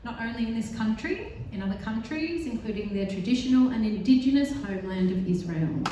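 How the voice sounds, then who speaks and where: An Australian woman with a higher, animated voice speaks a little fast, delivering an earnest, determined prepared speech on a panel at a live event, with light self-deprecating asides. She's recorded from far off in a very echoey, large synagogue hall with a noisy background.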